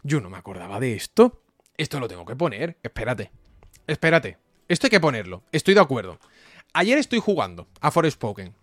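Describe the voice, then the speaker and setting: Animated young man from Spain. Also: medium pitch, a little fast, no echo. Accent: Spain Spanish. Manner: animated, joking, with frequent laughs and repeated exclamations. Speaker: streamer reading live chat. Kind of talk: casual livestream chat.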